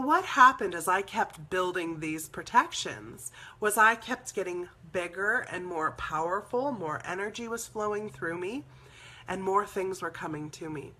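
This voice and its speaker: A woman teaching a spiritual healing session, telling a personal story in an earnest, rambling way with soft laughs and fillers. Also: mid-range voice, animated, unhurried.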